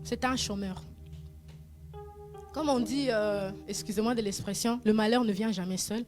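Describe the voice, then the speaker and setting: A woman telling a true story as a moral lesson, animated and full of rhetorical questions. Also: medium pitch, normal speed, soft background music.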